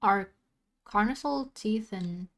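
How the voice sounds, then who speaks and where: A woman's voice: mid-range voice, takes it slowly. A woman streamer giving casual reaction commentary in a cute, exclaiming anime-streamer manner.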